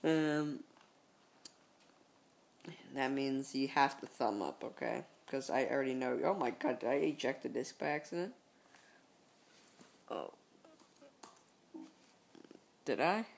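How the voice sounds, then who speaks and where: A man's voice: medium pitch, a little slow, gravelly, long pauses. A man vlogging late at night from his bedroom, talking casually into his camera mic in a sleepy, meandering way full of fillers and self-corrections. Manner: drowsy, easygoing talk. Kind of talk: rambling late-night vlog chat. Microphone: computer or camera mic.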